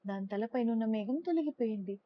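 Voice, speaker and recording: A woman narrating a children's storybook aloud in a lively, expressive way. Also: a little fast, dry recording, muffled recording. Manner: lively, expressive, raises pitch for characters' lines. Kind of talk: storybook narration with character voices.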